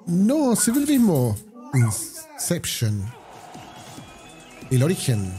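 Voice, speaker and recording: Animated Argentine man reacting casually. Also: fairly high pitch, soft background music. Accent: Argentine Spanish. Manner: quick offhand remarks, frequent laughter, slangy. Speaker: streamer.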